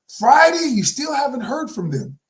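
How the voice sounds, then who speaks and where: This sixty-something life coach preaches motivation to his viewers with emphasis, calling them "y'all" and lurching from whispers to shouts. His pitch is extremely high and sing-song, and he keeps a moderate pace.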